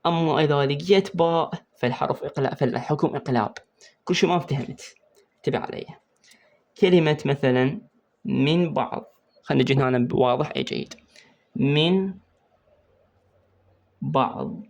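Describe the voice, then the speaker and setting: A man with an Iraqi Arabic accent and a higher, gravelly, slightly mellow voice gives an exam-prep lesson on Quran recitation rules. Writing on a board as he explains, he quizzes the student and slowly repeats the key points.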